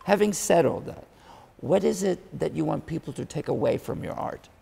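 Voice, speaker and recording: A man's voice: fairly high pitch, expressive, normal speed, gravelly, warm tone, breathy edge, long reverb tail. A man hosting an interview, musing and hesitant with fillers. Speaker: interviewer host.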